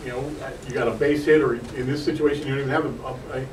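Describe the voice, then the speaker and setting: A man in a clinic audience speaks up from well back in the room, his voice thin and distant on the recording. He pitches in with practical examples and pushes back on the instructor. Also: steady tone, quick pace, slight background noise. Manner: interjects with examples and pushback. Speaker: clinic participant. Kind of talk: group discussion. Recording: distant from the mic.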